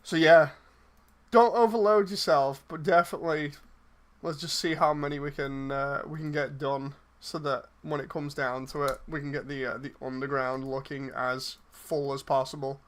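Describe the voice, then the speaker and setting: The voice is male, a little high and a touch bright, delivered steadily at a moderate pace. He's a streamer and project lead casting voice roles, casually replying to livestream messages in a rambling, hesitant way that often fades out mid-thought.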